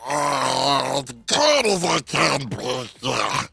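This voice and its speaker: A man doing a soggy creature woman, gargly, eager and fumbling, higher than his own voice, creaky and bright, tabletop game. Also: big pitch swings, very slow, faint music behind, heavily acted. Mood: cheerful. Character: soggy waterlogged clumsy friendly woman. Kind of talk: tabletop role-play.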